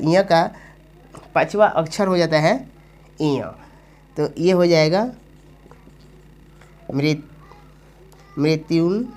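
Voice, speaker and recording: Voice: mid-range voice, a little mellow. A teacher explaining Hindi spelling step by step, asking questions aloud and then answering them. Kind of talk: spoken grammar lesson.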